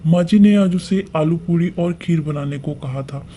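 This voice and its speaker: A man narrating a story in a steady, plain way as storyteller. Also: fairly high pitch, measured pace, slight background noise.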